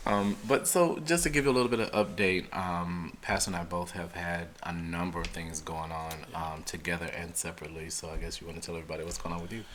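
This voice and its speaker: A man co-hosting a relaxed podcast, chatty, laughing often and filling gaps with ums. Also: sits low, quick pace, few pauses, a little hiss or hum. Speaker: co-host. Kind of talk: casual chat.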